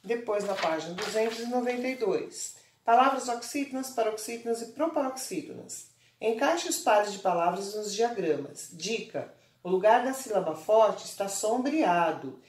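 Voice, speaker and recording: A woman's voice: medium pitch, animated, moderate pace, a little mellow, roomy sound. A woman teacher with a Brazilian Portuguese accent giving a recorded online lesson to children, explaining patiently and checking in often. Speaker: primary school teacher.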